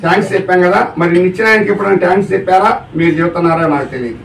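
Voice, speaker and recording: A man's voice: sits high, rapid-fire, gravelly, echoey room, distant mic, rough recording. A man giving a religious discourse to a live audience as a spiritual teacher, often putting questions to the listeners. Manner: keeps asking the audience questions.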